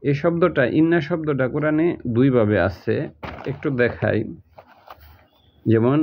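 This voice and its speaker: A man's voice: mid-range voice, lively intonation, measured pace, slight background noise. Man, patient repetitive teacher, tinny lo-fi sound. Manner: repetitive, step-by-step explaining. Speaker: Quran translation teacher. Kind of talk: recorded lesson explaining Arabic word by word. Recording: tinny phone-like audio.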